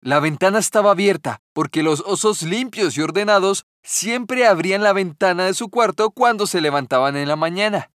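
A man narrating a children's fairy tale in a gentle, measured storytelling manner. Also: high-pitched, animated, no echo, studio quality.

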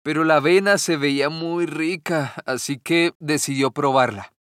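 A man narrating a children's fairy tale in a gentle, measured storytelling manner. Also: on the high side, dry recording, studio quality.

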